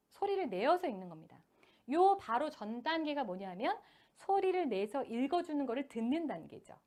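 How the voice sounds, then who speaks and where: A woman gives a lecture to parents in a high, bright voice. Her pitch leaps up and down with great animation as she speaks politely to them. When she reads example sentences aloud, she slows down and splits them into short, clearly spaced phrases. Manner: addresses parents politely, acts out parent and child quotes. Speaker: education team leader giving a lecture to parents. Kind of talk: lecture to parents on children's reading.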